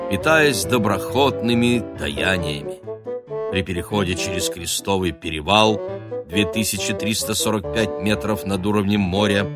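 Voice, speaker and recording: A man narrating an audiobook in an expressive, dramatic storytelling manner. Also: on the low side, no room sound, clean studio sound. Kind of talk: scripted narration.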